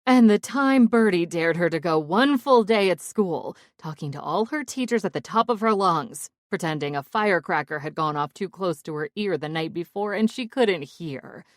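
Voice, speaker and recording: A woman voicing a loud, chattering middle-aged mother who rambles excitedly through stories in an audiobook. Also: lowish voice, moderate pace, hardly any pauses, dry recording, studio quality, lightly acted. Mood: gushing.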